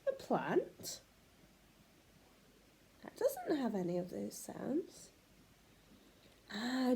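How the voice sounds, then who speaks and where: A woman's voice: a little high, warm tone. A woman teaching a children's phonics lesson, sounding out letters in an encouraging, sing-song way.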